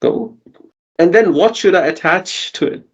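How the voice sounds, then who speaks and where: A man's voice: high voice, animated, normal speed, dull audio. A man teaching a Quranic Arabic grammar lesson online, patiently asking his students questions and checking in with them.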